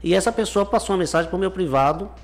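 A man, a mayor telling stories in a relaxed interview, with casual slang. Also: high voice, very fast. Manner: chatty storyteller, casual slang. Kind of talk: conversational interview answers.

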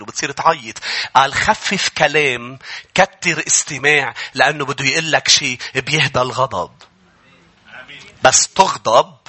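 A man with a Lebanese accent preaching a sermon, swinging from loud declarations to hushed, repeated pleas. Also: medium pitch, slightly rough. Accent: Lebanese Arabic. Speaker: pastor. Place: church.

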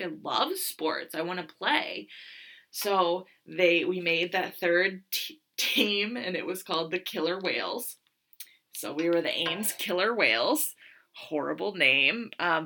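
Bright-voiced woman telling sports stories. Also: deep voice. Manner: chatty, animated, lots of fillers and laughs. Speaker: podcast host. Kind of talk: casual storytelling monologue.

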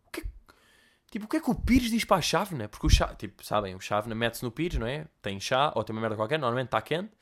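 Young European Portuguese man, podcast host, rapid and expressive comic storyteller. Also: medium pitch, a little hiss or hum. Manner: animated, profane, conversational. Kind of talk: comedic storytelling.

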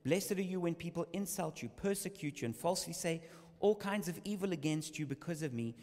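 English-speaking preacher in an echoing hall. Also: male voice, fairly high pitch, lively intonation, brisk, darkish tone. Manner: dramatic storytelling, rising and falling with the tale. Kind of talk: sermon with live interpreter. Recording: reverberant hall sound.

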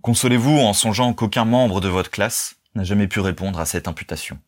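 A man reading aloud and voicing a bold young orator in a novel, speaking with steady force. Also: lowish voice, fairly quick, lightly acted. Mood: commanding. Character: bold young male orator, calm and commanding.

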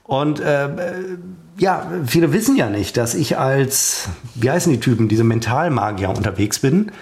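A man's voice: mid-range voice, lively intonation, moderate pace, a little mellow. A man co-hosting a podcast, running silly quiz games in playful banter with a mock-serious showman manner. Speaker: podcast co-host.

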